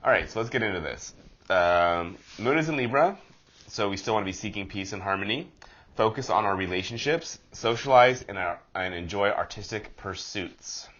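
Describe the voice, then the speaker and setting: Nasal, low-voiced man rambling through horoscopes. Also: normal speed, fairly bright tone, dull audio. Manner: rambling, chatty, self-deprecating. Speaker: astrology vlogger. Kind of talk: casual horoscope vlog.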